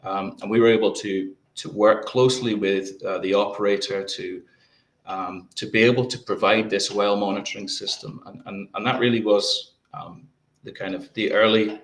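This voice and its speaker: A male guest answering interview questions in a halting way, often repeating words as he explains. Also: lowish voice, steady tone, roomy sound.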